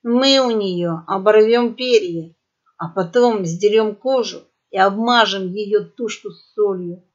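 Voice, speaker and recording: A woman's voice: mid-range voice, slow. A woman playing a sly maniacal parrot pirate. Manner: sneering, mock-sweet, maniacal. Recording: dull lo-fi audio.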